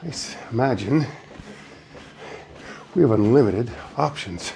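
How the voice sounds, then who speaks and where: Slow, gravelly man coaching a workout. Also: mid-range voice, animated, warm tone, slight background noise. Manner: encouraging, breathy while bouncing. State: out of breath. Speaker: fitness instructor. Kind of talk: guided workout instruction.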